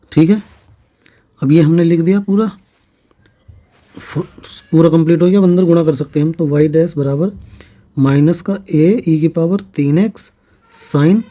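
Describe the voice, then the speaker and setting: Male maths tutor, very warm and mellow tone, pitched a bit high; methodical, step-by-step delivery. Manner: steady step-by-step explaining with frequent "theek hai" checks. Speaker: maths teacher. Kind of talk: exam-prep maths lesson.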